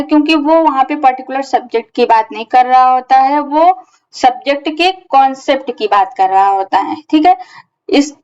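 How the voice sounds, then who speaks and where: A woman teaching English grammar at an unhurried pace, her voice sitting a little high. She explains patiently and keeps checking that her students follow. The recording sounds slightly dull and lo-fi. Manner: patient, repeats points and checks understanding with tag questions; reads English example sentences slowly and deliberately.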